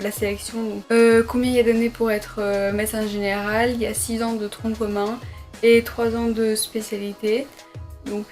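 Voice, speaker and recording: A young adult woman with a mid-range, slightly mellow voice sits in her bedroom at her parents' home for a casual vlog. A medical student, she answers viewer questions hesitantly, with many fillers and self-corrections.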